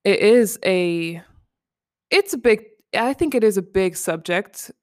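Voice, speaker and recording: Speaking slowly in a mid-range, slightly mellow voice with lively intonation, this twentysomething podcast host rambles through a casual pillow-talk chat from her living room. She fills her speech with "like" and "you know," and the sound is clean studio quality without room echo.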